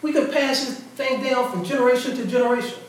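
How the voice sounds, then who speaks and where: The middle-aged man preaching here has a very high-pitched voice and a quick pace. His sermon is conversational and full of repeated, restarted phrases, heard through a far mic in an echoey hall along with the congregation.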